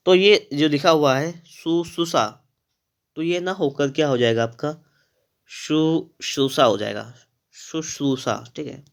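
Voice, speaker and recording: Addressing his students directly, this middle-pitched Hindi grammar teacher leads an exam-prep spelling lesson in a fairly bright tone, frequently asking "thik hai." Each answer is spelled out stepwise, with the key words said again slowly.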